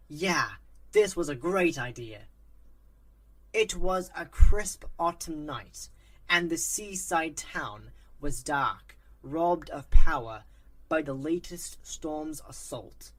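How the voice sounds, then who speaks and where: A narrator reading a spooky story aloud with a steady, even delivery. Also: mid-range voice.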